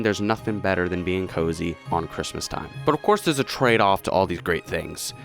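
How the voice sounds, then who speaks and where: A young man chatting casually and jokily while ranking countries, often trailing off quietly at the ends of phrases. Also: lowish voice, gravelly. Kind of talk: casual commentary vlog.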